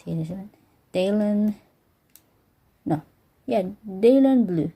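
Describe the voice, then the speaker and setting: Slow, gravelly-voiced woman gushing over little things. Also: medium pitch. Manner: excited, gushing, often drops to whispers. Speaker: vlogger. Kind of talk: casual unboxing vlog. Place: home, bedroom at night.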